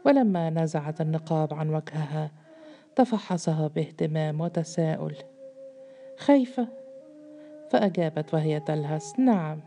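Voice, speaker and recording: A woman narrating a literary audiobook in a measured, even reading. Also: deep voice, a little hiss or hum.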